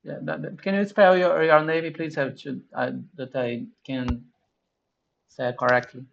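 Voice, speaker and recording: A man hosting a live online class Q&A, speaking haltingly with many restarts and thanks. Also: a little high, little pitch movement, gravelly, highs cut off. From Brazil. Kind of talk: casual online class chat.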